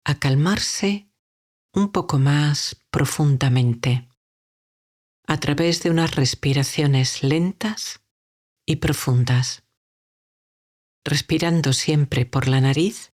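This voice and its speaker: A woman guiding a sleep meditation, talking softly and calmly with long unhurried pauses. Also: low voice. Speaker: meditation guide.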